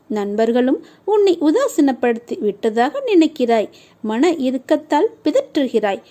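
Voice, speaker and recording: A woman reading a scripted devotional message in a tender, consoling tone, speaking to the listener in a deity's first-person voice. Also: high voice. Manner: steady, reading cadence in long lists of short phrases.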